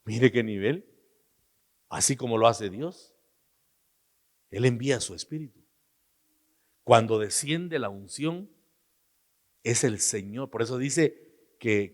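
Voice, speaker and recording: A man with a Guatemalan Spanish accent preaching a sermon as pastor, moving between hushed asides and sudden loud, high outbursts. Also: long reverb tail.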